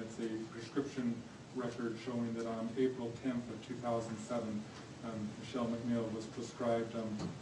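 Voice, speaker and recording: A man working as an attorney, questioning a witness with frequent hesitations and fillers, heard in a courtroom recording. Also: medium pitch. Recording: courtroom recording with faint background noise.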